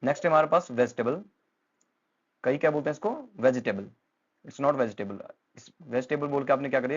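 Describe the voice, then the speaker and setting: A man's medium-pitched voice, captured in lo-fi sound, carries an Indian accent as he explains English pronunciation. His lesson switches between Hindi and English, and he is patient, repeats words, and fills gaps often.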